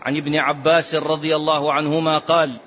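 A man's voice: on the high side, little pitch movement, brisk, a bit bright. Emphatic male scholar, lo-fi lecture. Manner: emphatic, repeats key phrases, recites chains of narration. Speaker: Islamic scholar teaching prophetic biography. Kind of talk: religious lesson with hadith recitation. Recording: dull lo-fi lecture recording.

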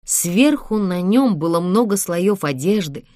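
A woman reading a thriller audiobook in a steady, measured way. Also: fairly low pitch, no echo, clean studio sound. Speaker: audiobook narrator. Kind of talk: scripted thriller narration.

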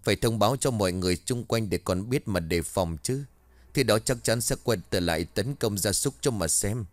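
A man's voice: lowish voice, moderate pace, no room sound, natural voice. A man voicing an anxious middle-aged farmer's wife in a village story. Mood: alarmed. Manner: anxious, pleading.

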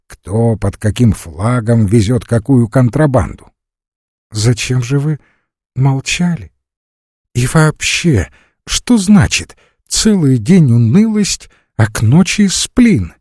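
A man's voice: mid-range voice, animated, takes it slowly, mellow, breathy edge, dry recording, studio quality. A man reading an audiobook voices a poised, inquisitive provincial noblewoman with pointed questions. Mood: probing.

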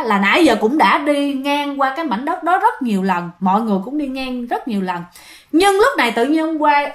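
Chatty woman telling ghost stories. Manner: chatty, addresses listeners directly, lively pitch swings. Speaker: ghost story narrator. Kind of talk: casual spoken storytelling.

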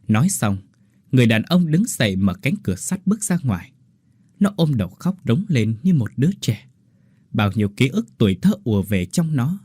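A man's voice: mid-range voice, mellow, husky, no room sound. A man narrating a horror story with dramatic delivery. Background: faint music.

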